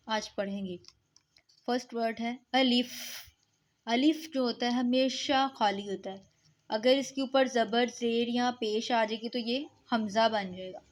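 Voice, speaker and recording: A woman teaching beginners to read Quranic letters, patiently drawing out each sound. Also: a little high. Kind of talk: recitation lesson for beginners.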